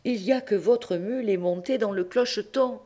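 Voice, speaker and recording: A woman's voice: mid-range voice, moderate pace, a little mellow, pitched above the performer's own voice, lightly acted. A woman voicing a sly young male clerk who pretends to be upset, in a whining, mock-lamenting tone. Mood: mock-distressed.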